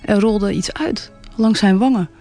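Gentle, gravelly storyteller. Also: medium pitch, measured pace, faint music behind. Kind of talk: calm storybook narration on radio.

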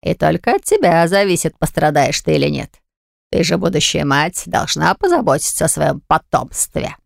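Reader putting on a slow, sneering male thug. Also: sing-song, creaky, no echo, studio quality, full character voice. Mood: menacing. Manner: slow, low, sneering menace. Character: menacing crude male thug, smug and threatening.

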